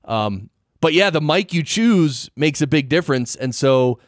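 A man hosting a podcast, chatting casually and explaining technical points in a halting, repeating way. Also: fairly high pitch, expressive, no room sound, studio quality. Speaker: podcast host. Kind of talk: casual technical interview chat. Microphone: dynamic studio mic an inch from mouth.

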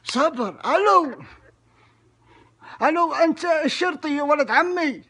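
A man's voice: very high voice, animated, a little slow, bright, forceful tone, full character voice. A young man playing a furious father who blusters and stammers threats during a prank phone call. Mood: threatening. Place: small indoor room. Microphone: phone camera at arm's length.

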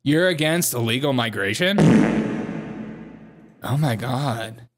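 Sarcastic man with a bright voice. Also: medium pitch, animated. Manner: mocking, laughing, drawn-out spelling. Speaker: comedic news commentator. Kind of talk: sarcastic reaction commentary. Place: small room indoors. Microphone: desk microphone on camera.

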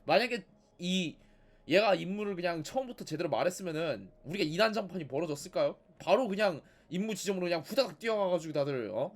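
A man giving casual, sarcastic commentary as he plays a game, nagging and talking back at the characters. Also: high voice. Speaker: gaming video host.

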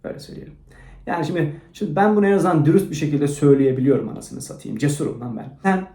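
A man hosting his own channel, rambling through a crude, self-mocking monologue that swings from low mumbling to loud rants. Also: lively intonation, very fast. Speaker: channel host. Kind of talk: rambling motivational vlog monologue. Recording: roomy echo.

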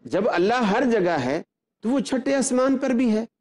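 A man's voice: very high-pitched, animated, a little slow, a little mellow. A man, an Islamic scholar, explaining religious belief earnestly and building his points with rhetorical questions. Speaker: Islamic scholar and guest speaker.

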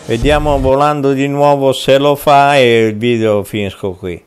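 A man hosting a casual gameplay video from home, talking in a halting way with many fillers. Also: mid-range voice, fairly even intonation, clear, resonant tone.

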